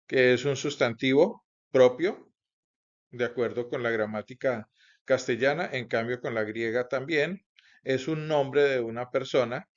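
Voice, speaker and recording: Slow, careful male teacher. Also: medium pitch. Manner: slow, careful explaining with frequent "pues" and "entonces". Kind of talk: recorded grammar lesson. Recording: dull lo-fi recording.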